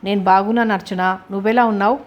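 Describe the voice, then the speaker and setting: Woman reading as gentle caring wife Madhavi. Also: mid-range voice, steady tone, quick pace, dull audio, natural voice. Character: Madhavi, warm caring young married woman.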